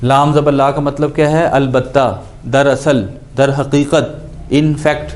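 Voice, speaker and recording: A man's voice: mid-range voice, level tone, darkish tone. A man teaching Quranic Arabic grammar, explaining each word and posing questions he then answers himself. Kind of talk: Urdu lecture on Quranic grammar.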